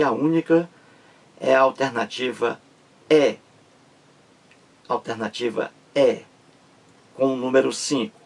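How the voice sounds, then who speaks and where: Slow, husky teacher man. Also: mid-range voice. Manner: slow, repetitive, spells out syllables with emphatic stresses. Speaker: Portuguese language teacher. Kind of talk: grammar lesson explanation.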